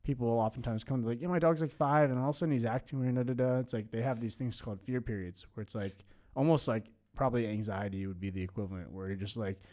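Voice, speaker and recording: A man's voice: medium pitch, fast, darkish tone. A man in his late twenties in a casual podcast chat. He rambles, full of "like" and restarts. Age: 20s.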